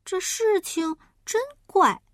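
A woman's voice: lively intonation, takes it slowly, fairly bright tone, no room sound, clean studio sound, exaggerated voice. A woman doing a chirpy naive piglet boy. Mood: puzzled. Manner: high, eager, innocent chatter.

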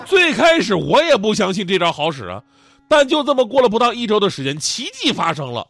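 A man's voice: sits high, brisk, dry recording. A man, hosting and telling funny stories lots of laughter. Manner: animated, joking, laughing often. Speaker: host. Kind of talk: comedic storytelling.

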